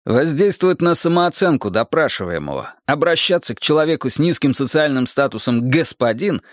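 A man reading a novel aloud in a measured, dry and wry way. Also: on the high side, big pitch swings, dry recording. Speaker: audiobook narrator. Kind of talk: scripted narration.

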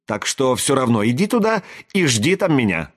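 A man's voice: medium pitch, sing-song, normal speed, pitched above the performer's own voice. A man reading an audiobook aloud, voicing a bossy young princess with a raised, commanding voice. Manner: commanding, brooks no objection.

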